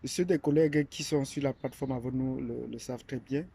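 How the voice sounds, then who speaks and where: Hesitant and unscripted, an academic from Cameroon presents his platform, pausing, filling gaps and restarting as he goes. His voice is mellow and rather dark, medium in pitch, steady and creaky. A faint hiss sits beneath the recording.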